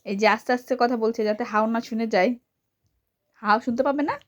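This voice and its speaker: A woman filming her young daughter at home at night, talking to her in a playful, coaxing, hushed way. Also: on the high side, fast talker. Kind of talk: casual home video chat with a child.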